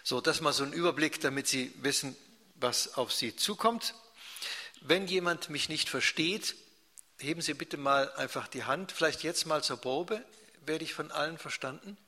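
Man, author reading aloud, fast and chatty, bright tone, long hall reverb. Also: on the high side. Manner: fast talker, chatty with fillers. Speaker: author reading his own stories. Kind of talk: live literary reading. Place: church hall before an audience. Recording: echoey church hall.

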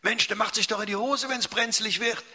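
Man voicing a lanky teen boy, scornful, high-pitched, bright, hall echo. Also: steady tone, a little fast, heavily acted. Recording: echoey hall.

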